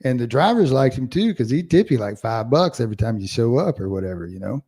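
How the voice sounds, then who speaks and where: Mellow-voiced man telling stories casually. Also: medium pitch, very animated, fast talker, breathy edge. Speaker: podcast co-host. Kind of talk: casual chat.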